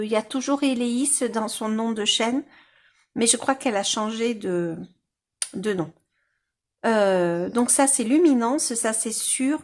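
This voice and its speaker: A woman chatting casually and rambling with many fillers as she shows her colorings to viewers. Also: fairly high pitch. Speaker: coloring-book YouTuber.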